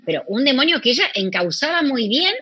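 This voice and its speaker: A woman's voice: high voice, sing-song, a little fast, sharp tone, slightly rough, no room sound. A middle-aged woman with a Rioplatense Spanish accent, a guest in a conversational interview, talking expressively and acting out quoted dialogue.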